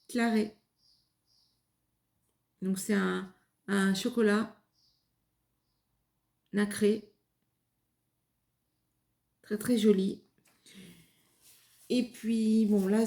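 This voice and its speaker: A woman hosting a casual craft demonstration, taking her time with a soft, mellow voice. She talks hesitantly, with lots of fillers and restarts. The sound is roomy and echoey. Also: medium pitch. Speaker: craft video host. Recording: echoey room.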